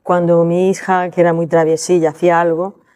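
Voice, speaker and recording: An older woman with a lilt tells personal memories to a listening group. Her voice is low and mellow, and she speaks haltingly, stopping often to restart a phrase. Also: level tone, clear, resonant tone. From Spain. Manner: halting, with many restarts and fillers. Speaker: storyteller at a library event. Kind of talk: personal storytelling to an audience.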